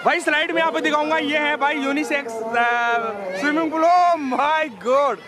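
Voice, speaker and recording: A man's voice: very high voice, unhurried, loud music behind the voice. Hyped young man vlogging at a crowded pool. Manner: loud, hyped, calls viewers "bhai". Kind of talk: excited vlog walkthrough. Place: crowded outdoor water park pool. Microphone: action camera held at arm's length. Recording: loud crowd and splashing.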